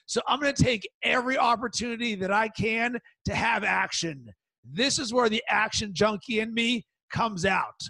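A man's voice: very high voice, pushed and bright, no room sound. A man hosting a sports betting podcast solo, with an emphatic, punchy delivery and stretched-out words. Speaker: podcast host.

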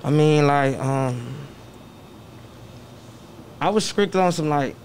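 A man's voice: a little high, takes it slowly, a little mellow, slight background noise. Rambling man. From Atlanta, Georgia, United States. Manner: rambling, fillers, keeps asking "you feel what I'm saying". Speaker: rapper guest. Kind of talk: casual interview chat.

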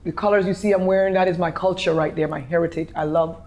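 A woman's voice: on the low side, fairly even intonation, fast talker, darkish tone. A woman from Guyana who is a fitness instructor, speaking as a guest in a casual interview with restarts.

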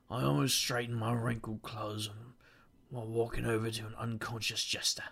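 A man playing a wisecracking, weary detective, delivering a wry, self-deprecating noir monologue in a gravelly, husky voice. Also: medium pitch, a bit bright. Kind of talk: noir first-person monologue.

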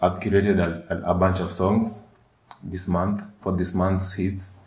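A man's voice: low voice, little pitch movement, a little slow, a little mellow. A man with a Kenyan accent hosting a podcast in casual, slangy chat, often repeating words. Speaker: podcast and radio host. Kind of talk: casual chat mixing English and Swahili slang. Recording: roomy echo.

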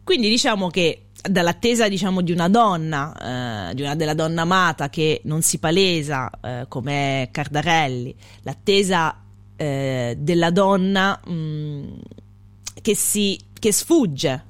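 A speaker leading a casual literary talk, thinking aloud with pauses and fillers, then reading a poem aloud. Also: medium pitch, no room sound. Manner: thoughtful, searching for words with fillers. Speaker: co-host leading a poetry discussion.

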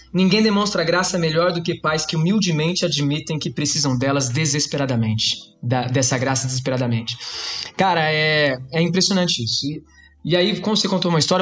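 A Brazilian man co-hosting a faith podcast, reading a quote and telling a family story in an animated way. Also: a little high. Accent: Brazilian Portuguese. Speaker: podcast co-host.

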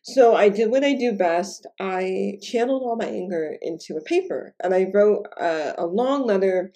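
A young woman recounts a personal experience in a chatty, rambling way, full of fillers and restarts. She stays earnest and emotional as she talks. Her voice is mellow and warm, at a middling pitch. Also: lively intonation, moderate pace. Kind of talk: casual personal storytime.

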